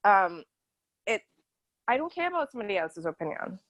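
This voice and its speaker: A woman's voice: medium pitch, big pitch swings, fairly quick, fairly bright tone, no echo, poor audio. A woman in her early thirties, from a small island country, speaking as an interview guest on a video call in a candid, rambling way full of fillers and restarts. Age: 30s. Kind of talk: casual video-call conversation.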